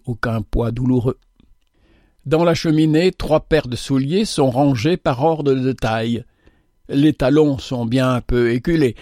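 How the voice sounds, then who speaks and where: Gentle man reading a storybook. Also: mid-range voice, no room sound, clean studio sound. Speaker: narrator. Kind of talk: scripted storybook narration.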